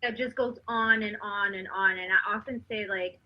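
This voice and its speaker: A woman's voice: medium pitch, steady tone, normal speed, muffled recording, a little hiss or hum. A woman from South Africa, a rapper, chatting upbeat in a radio interview. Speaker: guest rapper.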